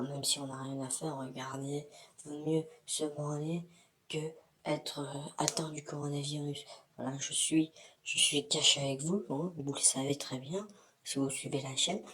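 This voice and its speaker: A man talking through a voice-disguising filter, rambling frankly to his community with many hesitations, from his bathroom. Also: fairly high pitch. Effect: voice disguised with an altering filter. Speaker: YouTuber addressing his community. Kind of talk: casual rambling vlog.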